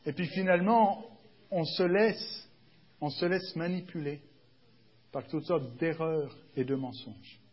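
Prédicateur à la voix voilée. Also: male voice, on the high side, slow, breathy edge, muffled recording. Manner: conversational, often checks the congregation is following; acts out little dialogues with shifts of tone. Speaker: preacher. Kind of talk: sermon. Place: church.

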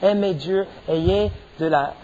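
A man's voice: high-pitched, slow, warm tone, dull audio, a little hiss or hum. A middle-aged man preaching a sermon as pastor, stressing points and punctuating them with amens. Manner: preaching with rising emphasis and repeated amens.

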